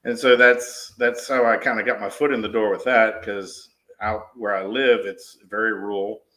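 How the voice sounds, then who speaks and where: A dispatch shift supervisor in his forties from the US East Coast tells stories as a podcast guest, rambling in a casual interview style with frequent restarts. His voice is fairly low and bright with a forceful tone, fairly even intonation and moderate pace.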